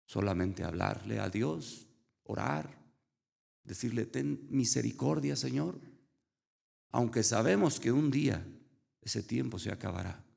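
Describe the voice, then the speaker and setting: Slow gravelly preacher in a church hall. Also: male voice, lowish voice, expressive, darkish tone. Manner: slow, earnest delivery with storytelling and rhetorical questions. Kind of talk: sermon. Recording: reverberant hall.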